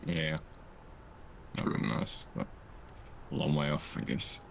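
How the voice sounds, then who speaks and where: A man's voice: a bass voice, measured pace, creaky, sharp tone, slight background noise. A man talking casually with friends while playing a building game, giving short dry replies. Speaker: co-player. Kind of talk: casual multiplayer game chat.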